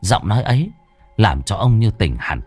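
A man's voice: on the low side, big pitch swings, moderate pace, darkish tone, husky, no echo, soft background music. A man narrating a horror audiobook in a dramatic storytelling manner.

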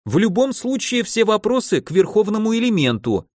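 A man's voice: high voice, big pitch swings, a little fast, darkish tone, no room sound, studio quality, pitched above the performer's own voice. A man doing a cheeky young mage.

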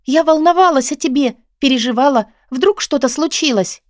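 A woman's voice: high voice, normal speed, a little mellow, no echo, clean studio sound, voice pushed up, natural voice. A woman reading an audiobook voices a young female first-year student who talks in a pleading, tremulous way. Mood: anxious pleading.

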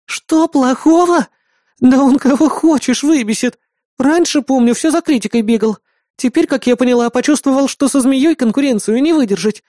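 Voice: high voice, normal speed, dark tone, no echo, studio quality, pitched above the performer's own voice, close to an everyday voice. A reader voicing a brash, childish young woman who whines, pleads and bosses people around, in an audiobook. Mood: indignant. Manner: whiny, pleading, bossy.

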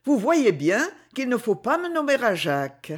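A reader voicing a charming young courtesan who speaks softly and pleads with tenderness in a French storybook reading. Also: mid-range voice, big pitch swings, moderate pace, breathy edge, pitched above the performer's own voice. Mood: wistful.

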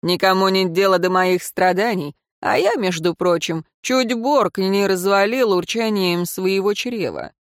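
A woman voicing a tender, joking male warrior in a fantasy audiobook, soft and hushed. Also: high voice, a little slow, few pauses, clean tone, dry recording, studio quality.

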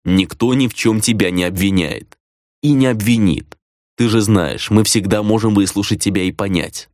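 A man voicing a calm necromancer master who speaks softly and soothingly. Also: lowish voice, no room sound, studio quality, natural voice. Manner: soft, soothing, measured.

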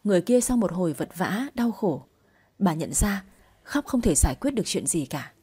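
Woman storyteller, mellow and a touch breathy, narrating and voicing lines lightly. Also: fairly low pitch, sing-song, normal speed.

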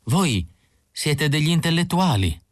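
A man voicing a timid, excitable male outcast who stammers and chatters eagerly in a raised voice. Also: on the high side, measured pace, dry recording, clean studio sound, pitched above the performer's own voice.

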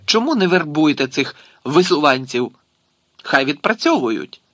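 A man's voice: fairly high pitch, very animated, measured pace, a bit bright, no echo, heavily acted. A man voicing a brusque, commanding Soviet security general who fires off curt questions. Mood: indignant.

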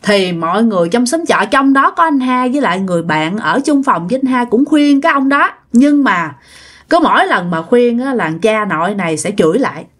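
A woman's voice: on the high side, lively intonation, brisk. A woman telling a ghost story in a conversational way, speaking straight to her listeners. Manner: conversational, addresses listeners directly. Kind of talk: spoken ghost story narration.

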